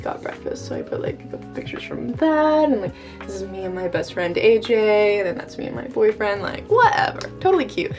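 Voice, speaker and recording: A woman's voice: mid-range voice, gravelly, darkish tone. A young American woman chatting casually in a vlog with a gushing valley girl manner, peppering her talk with filler words. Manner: valley girl delivery, frequent "like" and "totally cute", gushing. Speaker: vlogger. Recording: music behind the voice. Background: background music.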